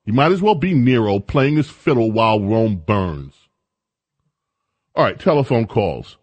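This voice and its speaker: A man's voice: on the low side, sing-song, unhurried, darkish tone, no echo. A man hosting talk radio, giving opinionated commentary in a conversational, emphatic way.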